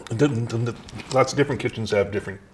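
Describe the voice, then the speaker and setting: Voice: mid-range voice, fast talker, darkish tone, slight background noise. A host of a book talk show asking brief casual questions from slightly off-mic. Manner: brief questions and backchannel murmurs. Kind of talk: casual interview chat.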